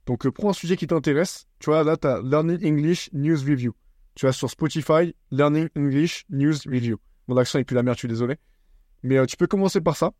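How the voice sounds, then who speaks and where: A man's voice: medium pitch, warm tone, no echo. Blunt slangy young man, dry sound. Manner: blunt, slangy, teasing, addresses listener as bro. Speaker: podcast host. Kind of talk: casual solo podcast advice.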